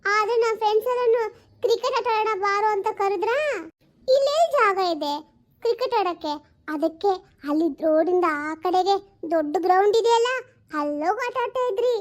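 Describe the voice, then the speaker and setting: A woman's voice: extremely high pitch, normal speed. A woman voicing a small schoolboy who explains himself eagerly and begs not to be sent away. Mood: explaining. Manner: childish, whiny, begging.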